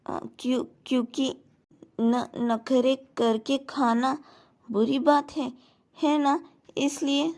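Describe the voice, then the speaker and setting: A woman's voice: high voice, takes it slowly. A woman voicing a timid little adopted girl who speaks hesitantly and stammers, in a storybook retelling.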